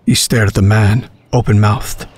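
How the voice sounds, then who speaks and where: Low, husky male horror narrator. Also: fairly even intonation. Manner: dramatic, measured reading. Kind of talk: scripted horror story narration.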